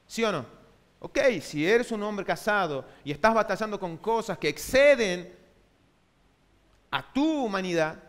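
A man preaching a sermon as pastor, asking rhetorical questions and having the congregation repeat phrases after him. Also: high-pitched. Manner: call-and-response, has the congregation repeat phrases. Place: church sanctuary. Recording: long hall reverb from a church.

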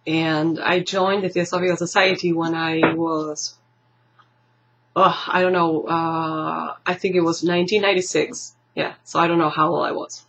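A thoughtful woman from Argentina is a guest in a casual interview held in an indoor library room lined with bookshelves. Her deep voice has little pitch movement and a normal pace; she searches for words and laughs easily. A camera mic at table distance gives slightly dull, soft lo-fi webcam audio with slight background noise.

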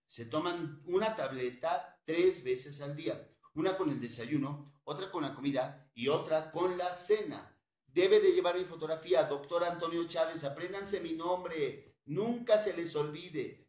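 A man with a Mexican accent, a naturopathic doctor hosting a health program, pitching his remedies emphatically and repeating himself as he speaks straight to his listeners. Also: roomy sound. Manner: emphatic and repetitive, addressing listeners directly. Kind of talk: broadcast product pitch.

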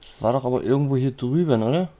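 A man's voice: mid-range voice, quick pace, warm tone. A man giving casual let's play commentary, muttering puzzled asides to himself. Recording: clear game noise behind voice. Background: video game sounds.

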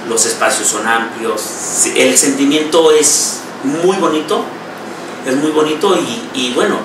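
A man in his fifties, a salon owner, talking reflectively in a seated interview, often repeating himself as he thinks aloud. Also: mid-range voice. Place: indoor studio with bookshelves. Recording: echoey room, distant mic, noisy.

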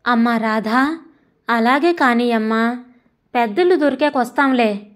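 A woman's voice: a little high, unhurried, natural voice. A woman voicing an older mother who is proud and easily hurt, scolding in a bitter tone. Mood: sad, pleading.

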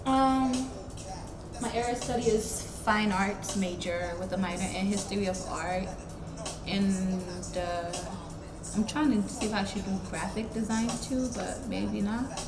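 A young woman from Ghana answers interview questions in a relaxed, candid manner, dropping casual slang as she goes. She is recorded inside a large art studio, so her voice carries a roomy echo. Music plays clearly behind her. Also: mid-range voice, a little slow.

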